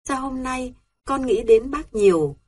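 A woman's voice: high voice, lively intonation, a little slow, darkish tone, breathy edge, voice pushed up, heavily acted. A woman voicing a young girl tearfully calling out to her late aunt in a storybook reading. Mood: tearful pleading. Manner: pleading, tearful.

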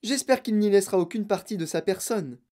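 A woman reading aloud and voicing an eccentric, excitable man who owns a chocolate factory, in a theatrical, exclaiming manner. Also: mid-range voice, fairly quick, pitched above the performer's own voice, natural voice. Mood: breezy. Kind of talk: audiobook reading.

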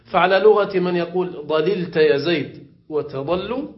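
A man teaching Arabic grammar in a classroom lesson, questioning his students and repeating examples slowly. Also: sits high, muffled recording. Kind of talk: classroom lesson explaining morphology.

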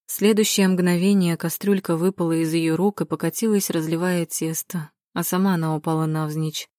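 A woman narrating an audiobook in a calm, measured reading style. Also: on the low side, no room sound, clean studio sound. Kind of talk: scripted narration.

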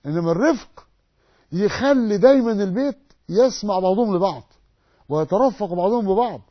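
Fast husky Egyptian preacher. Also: male voice, sits high, expressive, muffled recording. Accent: Egyptian Arabic. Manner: emphatic, asks rhetorical questions and answers them; repeats hadith slowly for emphasis. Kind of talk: sermon lesson.

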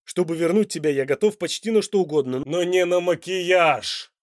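A man's voice: medium pitch, a little fast, a little mellow, no room sound, clean studio sound, close to an everyday voice. A man playing a blunt, passionate, demanding Italian lover in an audiobook. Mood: pleading. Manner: blunt and insistent.

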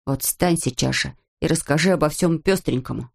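A woman voicing a small female inner conscience in an audiobook, slow, low and scolding. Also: vocal fry, a little mellow. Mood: stern. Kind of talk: audiobook character voice.

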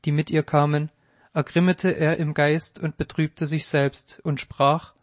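A man reads scripture aloud in a solemn, measured way. His voice sits a little high for a man and stays flat and even throughout. The recording is close and dry. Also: no echo. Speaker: narrator. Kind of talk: scripted Bible reading.

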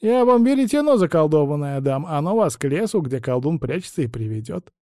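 A man's voice: a little high, sing-song, a little fast, a little mellow, dry recording, studio quality, pitched above the performer's own voice. A man doing a cranky old witch. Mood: cagey. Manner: cranky, evasive, sing-song. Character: grumbling cunning old witch woman.

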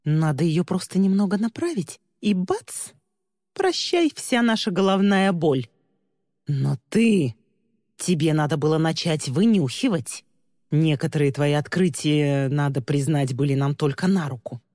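A woman voicing a cruel woman villain who mocks and scorns in a low, dark voice. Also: animated, a little slow, no room sound, clean studio sound, in a large hall. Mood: scornful. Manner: sneering, contemptuous, mocking.

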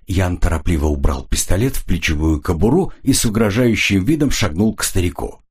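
Expressive husky male audiobook narrator. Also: low voice, fairly quick. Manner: expressive, voices each figure. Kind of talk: audiobook reading of a crime novel.

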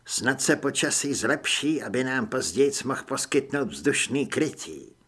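A man's voice: mid-range voice, animated, fairly bright tone, breathy edge. A man voicing a terse male team leader giving orders over a radio in an audiobook. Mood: commanding. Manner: curt, commanding.

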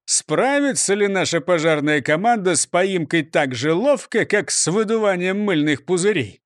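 A man's voice: high-pitched, expressive, moderate pace, no room sound, clean studio sound. A man voicing a stern, pompous male police chief who scolds and orders people about, read as a storybook. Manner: scolding, bossy. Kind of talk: storybook reading.

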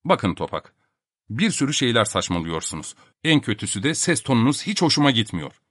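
A man's voice: mid-range voice, very animated, fairly quick, fairly bright tone, dry recording, studio quality. A man voicing a stern young doctor who lectures in a formal, polite way.

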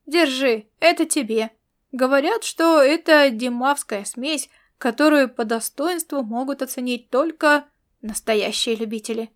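A woman's voice: sits high, a little slow. A woman voicing a wry young earthling man who teases and grumbles, in an audiobook. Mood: teasing. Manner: teasing, grumbling. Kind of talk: audiobook character voice.

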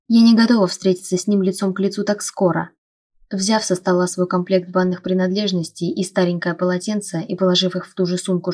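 A woman narrating a first-person fantasy audiobook in a steady storytelling read. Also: lowish voice.

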